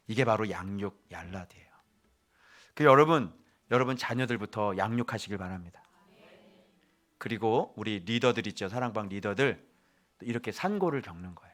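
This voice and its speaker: A male pastor preaching a sermon in an animated, exclamatory way, often putting questions to the congregation. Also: lowish voice.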